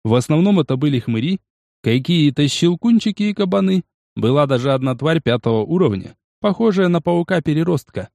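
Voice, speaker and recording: A man narrating a first-person audiobook in a steady, measured way. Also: a little high, vocal fry, no room sound, clean studio sound.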